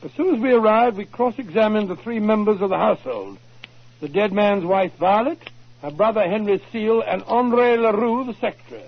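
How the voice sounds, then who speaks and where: An actor playing an earnest, gentlemanly English doctor in a 1940s radio drama, speaking precisely like a seasoned storyteller. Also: male voice, sits high, fairly quick. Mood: earnest, recounting. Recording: muffled 1940s radio broadcast recording.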